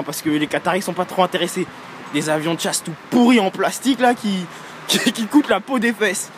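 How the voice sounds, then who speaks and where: A man's voice: fairly high pitch, fairly bright tone, slight background noise. A young man ranting casually and provocatively, rambling with lots of fillers and slang, recorded in a vehicle. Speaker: vlogger. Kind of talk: casual rant vlog.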